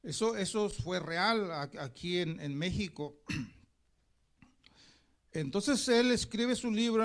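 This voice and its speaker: A pastor preaching a sermon, telling a story and calling the congregation brothers as he goes. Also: high-pitched.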